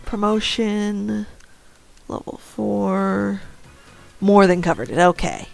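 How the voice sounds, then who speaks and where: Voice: mid-range voice, fairly even intonation, slow pace, gravelly, faint music behind. A streamer giving casual commentary over a board game, talking to themselves with muttered asides. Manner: talks to self about the game, muttered asides.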